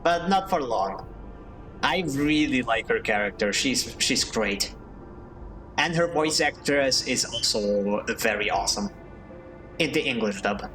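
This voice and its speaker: A man's voice: mid-range voice, animated, measured pace, music in the background, poor audio. Chatty, giggly male streamer. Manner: chatty and giggly, talking to chat. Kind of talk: casual game streaming with narration.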